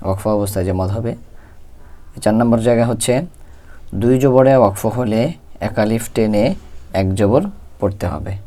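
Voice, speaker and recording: A man teaching Quran reading in a step-by-step lesson, spelling out letters and vowel marks slowly before reading them together. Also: on the low side, mellow.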